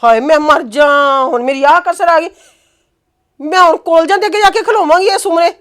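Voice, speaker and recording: A sharp-tongued middle-aged mother, played by a woman, in a homemade family drama. Her voice sits high, and she talks with sarcasm and theatrical exclamations as she scolds her son. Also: a little fast. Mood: exasperated. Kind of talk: web drama acting.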